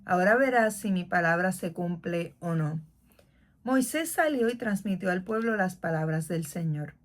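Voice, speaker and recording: Earnest woman reading scripture aloud. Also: medium pitch. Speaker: Bible reading podcast host. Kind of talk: scripture reading after a prayer.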